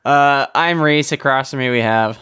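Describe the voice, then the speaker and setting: A man hosts a casual movie podcast in a relaxed, rambling way. His voice is smooth and resonant, at an ordinary pitch for a man. He chuckles often and drifts between asides. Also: normal speed. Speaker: podcast host.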